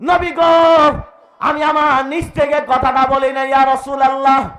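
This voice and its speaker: A preacher voicing a trembling pleading companion. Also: male voice, unhurried, natural voice. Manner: pleading, high and strained. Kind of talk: sermon storytelling. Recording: echoey amplified hall.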